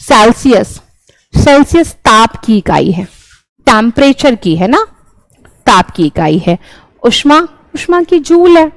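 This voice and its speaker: A woman's voice: on the high side, big pitch swings, slow, no echo, rough recording. A young woman teaching an exam-prep class, explaining each answer step by step and often checking in with her listeners. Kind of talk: exam-prep lesson, solving questions.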